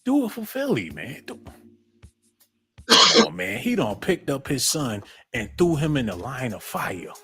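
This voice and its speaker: A man's voice: medium pitch, huge pitch swings, unhurried, vocal fry, pushed and bright, soft background music. A male host giving mocking, profane comedic commentary on a stream.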